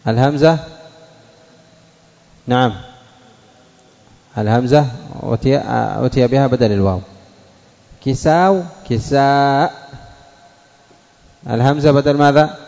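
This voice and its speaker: In a warm voice of medium pitch, a man who teaches Arabic morphology and Quran reading leads a lesson on word forms. He pronounces every example slowly, base form first and changed form after, and questions students by name. Long reverb fills the dull, lo-fi classroom recording.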